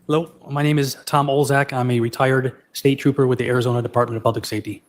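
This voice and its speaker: Male expert witness, middle-aged, little pitch movement, matter-of-fact and halting on the stand. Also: level tone. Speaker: expert witness, retired state trooper and forensic analyst. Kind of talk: formal courtroom testimony. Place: courtroom. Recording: faint background noise.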